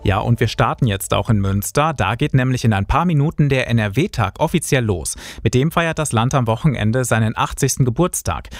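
A man presenting regional radio news from a studio, reading in a steady, even way. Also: medium pitch, normal speed, few pauses, dry recording. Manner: steady, even newsreader delivery. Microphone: studio microphone.

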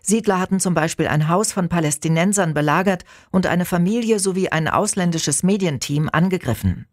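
A woman reading a radio news bulletin in a calm, measured, formal way from a studio. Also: lowish voice, no echo. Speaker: newsreader. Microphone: studio microphone.

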